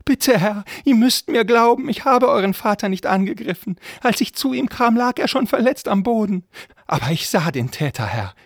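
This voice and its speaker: A man voicing a frightened young male fairy servant who pleads in a high, frantic voice. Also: expressive, moderate pace, no echo, studio quality. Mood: pleading.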